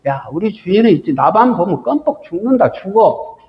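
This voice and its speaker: A spoiled male pet dog brags about his doting owner, as a man puts him on in a lifted, high voice. He sounds cheerful and boastful. The sound is dull, with a long hall echo behind it. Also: very animated, a little fast. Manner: bragging, cheerful.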